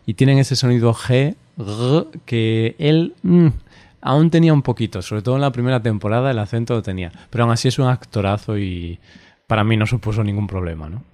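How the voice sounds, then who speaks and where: A man from Spain co-hosting a podcast in casual, unscripted conversation, relaxed and chatty with frequent laughs and hesitant fillers. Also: mid-range voice, brisk, no echo. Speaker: podcast co-host.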